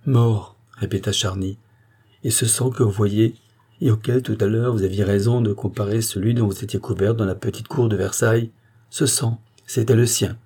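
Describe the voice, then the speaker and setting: A man's voice: on the low side, fairly even intonation, moderate pace, breathy edge. A man voicing a sorrowful noble count. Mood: grave. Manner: soft, subdued.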